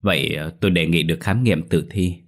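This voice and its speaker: A man's voice: low-pitched, fairly quick. A man playing a grieving, insistent older brother. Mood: choked, insistent. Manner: choked, insistent questioning.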